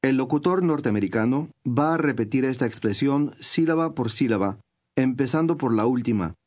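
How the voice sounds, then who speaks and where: Brief: male course narrator, patient scripted teacher delivery, mid pitch. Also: animated, moderate pace, darkish tone. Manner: clear, patient teacher's instructions.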